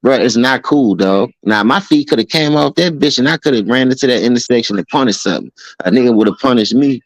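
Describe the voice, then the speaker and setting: A man's voice: medium pitch, fast talker, dry recording, poor audio. A man, chatting casually on a podcast and telling loose, profane stories.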